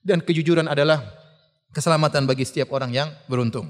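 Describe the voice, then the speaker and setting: A man giving a religious lecture, telling a story in a lively way, with fillers and laughs. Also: fairly high pitch, fast. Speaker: preacher. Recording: long hall reverb.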